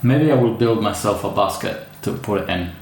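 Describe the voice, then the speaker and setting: A man's voice: on the low side, normal speed, a little mellow. A man with an Italian accent, an orchid grower chatting casually through an unboxing, hesitant with many fillers and restarts. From Italy. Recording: echoey room with faint ambient noise.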